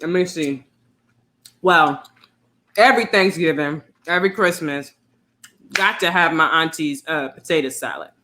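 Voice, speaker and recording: A woman's voice: low voice, measured pace, pauses often, a little hiss or hum. A woman co-hosting a casual online show, chatting easily about food while eating. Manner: relaxed, chatty, talks with her mouth full. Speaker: co-host. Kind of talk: casual chat.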